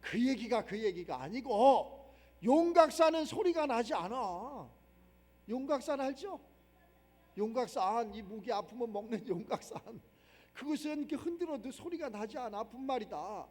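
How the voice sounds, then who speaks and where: A man's voice: very high voice, expressive, moderate pace, darkish tone. A man preaching a sermon as pastor, emphatic and repetitive, with many rhetorical questions. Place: church sanctuary. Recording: long reverb of a church hall.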